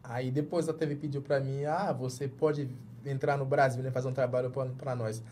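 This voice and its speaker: This is a mid-pitched male voice, somewhat mellow, delivered flatly at a moderate pace, with a slight hiss or hum on the recording. The speaker, a Jamaican journalist in his thirties with a Jamaican accent, is a guest in a small padded studio for a relaxed interview, often starting words over as he gropes for the Portuguese.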